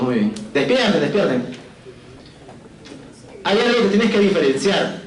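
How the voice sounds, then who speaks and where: Lively male lecturer in an echoey classroom. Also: high voice. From Peru. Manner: lively, asks "¿no?" and "¿sí?" constantly, jokes with students. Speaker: physiology lecturer.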